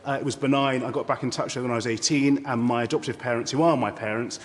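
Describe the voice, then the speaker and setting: A man's voice: medium pitch, steady tone, fast. Emphatic man in a roomy studio. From Barbados. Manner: emphatic, insistent, cuts in. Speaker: guest. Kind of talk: studio debate.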